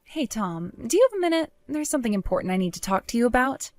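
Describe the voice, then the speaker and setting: A woman's voice: fairly high pitch, very animated, fast talker, no echo. A woman voicing a scheming, unfaithful young wife who coaxes and pleads to get her way. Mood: pleading. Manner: pleading, coaxing.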